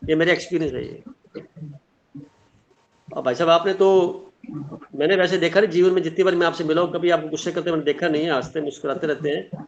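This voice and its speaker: A man's voice: a little high, fairly even intonation, fast, long pauses. A middle-aged man teaching a spiritual class, explaining earnestly with everyday examples and sayings. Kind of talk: online class talk. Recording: dull lo-fi sound.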